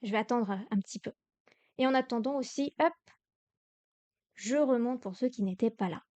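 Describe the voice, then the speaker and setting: On a livestream, a young woman teaches Korean to beginners, explaining each answer patiently, step by step. Her voice is fairly high and mellow, at a normal speed, with no room sound.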